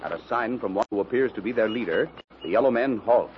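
A man's voice: fairly low pitch, fast. Dramatic male narrator, muffled old recording. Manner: dramatic, formal. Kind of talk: 1930s radio scripted narration. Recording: dull, noisy old radio recording.

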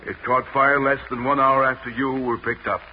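A man plays a firm, accusing fire marshal in a vintage radio crime drama. His voice sits at a medium pitch, and the old recording is dull and faintly noisy. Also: level tone, normal speed, close to an everyday voice. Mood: stern, accusing.

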